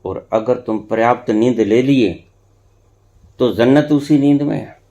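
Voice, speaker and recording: This man is a spiritual teacher speaking to his followers, his medium-pitched voice running a little slow. He alternates between hushed and emphatic tones and repeats phrases for effect.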